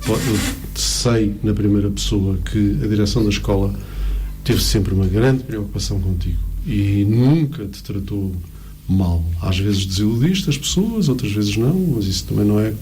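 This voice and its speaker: A man's voice: fairly low pitch, moderate pace, mellow. A middle-aged man with a European Portuguese accent, a teacher explaining conversationally, searching for words and repeating them for emphasis. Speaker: teacher, guest in discussion. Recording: clear background room noise.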